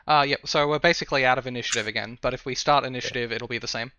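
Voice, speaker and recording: A man acting as game master, narrating a tabletop role-playing game in a halting way as he improvises descriptions. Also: mid-range voice, steady tone, bright, forceful tone, smooth, no echo, dull audio.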